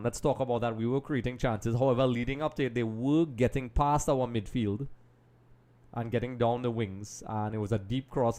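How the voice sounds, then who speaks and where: A man from Trinidad and Tobago hosts a live football watch-along stream, reading viewers' comments and analysing the match in a chatty, analytical way. His voice is medium in pitch with a darkish tone, and he often says "um" and addresses "folks."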